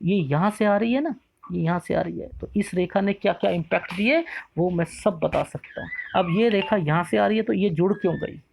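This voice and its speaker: A man teaching palm reading, explaining the lines in a lively, repetitive way and asking himself rhetorical questions. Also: high-pitched, a little fast, vocal fry, background noise. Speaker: palmist teacher.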